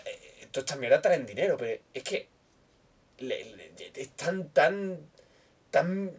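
A man chatting on a casual podcast, animated and halting, laughing often. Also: fairly high pitch, slightly rough. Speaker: podcast co-host.

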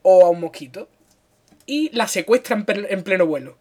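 A man with a Spain Spanish accent, talking in a notably high voice. He co-hosts a podcast in casual, joking banter and keeps checking in with "¿vale?" as he explains. Both hosts share a single microphone. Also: lively intonation, moderate pace, a crowd in the background. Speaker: podcast co-host. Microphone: one microphone shared with co-host.

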